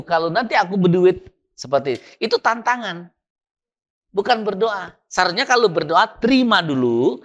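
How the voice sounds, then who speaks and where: A man's voice: sits high, a bit bright. A man preaching at a mosque study session, quizzing his listeners and spelling words out letter by letter.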